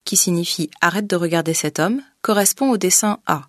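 A woman narrating a scripted pronunciation lesson as a teacher. She speaks in a clear, methodical way and slows down to model each sound. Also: fairly low pitch, no room sound, studio quality. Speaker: language teacher.

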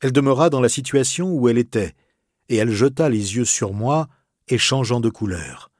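A man reading a classic novel aloud as narrator, expressive and softly dramatic. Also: medium pitch, normal speed, dry recording, clean studio sound. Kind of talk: literary audiobook reading.

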